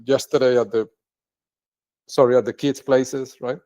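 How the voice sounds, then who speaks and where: A video blogger whose first language is Spanish rambles in English straight to camera, unscripted, restarting often and ending sentences with "right?". His voice is medium in pitch, steady, unhurried and a little mellow.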